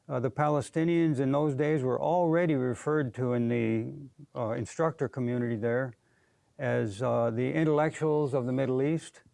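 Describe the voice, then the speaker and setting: A man's voice: medium pitch, gravelly, darkish tone, dry recording. An American man in his sixties, a community activist guest, speaking earnestly and measuredly in a TV studio interview. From United States. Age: 60s.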